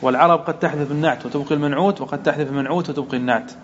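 A man's voice: on the high side, fairly even intonation, very fast, lo-fi sound, a little hiss or hum. A man, a sheikh, teaching a grammar lesson in a methodical way, asking and answering his own questions.

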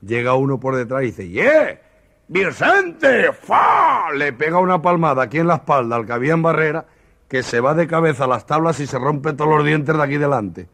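A man telling jokes in a stand-up routine, in a lively storytelling manner that acts out the characters' voices. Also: mid-range voice, fast talker.

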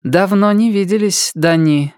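A man's voice: high-pitched, unhurried, a little mellow, clean tone, no room sound, clean studio sound, pitched above the performer's own voice. A man voicing a composed woman pirate captain in an audiobook.

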